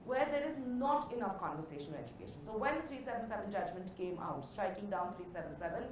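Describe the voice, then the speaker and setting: A woman's voice: mid-range voice, expressive, fast talker. A woman with a posh, educated Indian accent speaking with conviction in a panel discussion. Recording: echoey, noisy room, distant mic.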